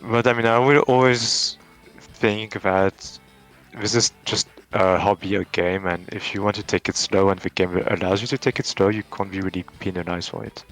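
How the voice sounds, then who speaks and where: Man, French accent, lowish voice, rambling, thoughtful, faint music underneath. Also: steady tone, normal speed, a bit bright. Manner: thoughtful, rambling, frequent restarts and fillers. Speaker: tournament champion guest. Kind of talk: casual interview answers.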